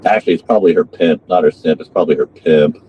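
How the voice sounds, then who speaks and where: A low-pitched man on a muffled, lo-fi livestream with noise behind him. He chats casually and crudely, taunting people with profane remarks. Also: fast talker. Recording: muffled lo-fi stream with background noise.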